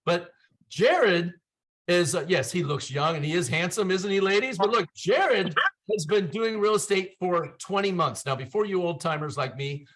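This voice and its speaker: A man's voice: high voice, normal speed, fairly bright tone. A middle-aged man from Ohio hosting an online meeting, upbeat, folksy and joking, talking over a video call. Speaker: webinar host.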